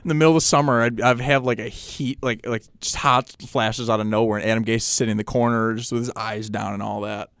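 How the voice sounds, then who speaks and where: A young man co-hosting a sports podcast in casual chat, excitable, swearing often and laughing a lot. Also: lowish voice, fast, hardly any pauses, smooth, dry recording, studio quality. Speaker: podcast co-host.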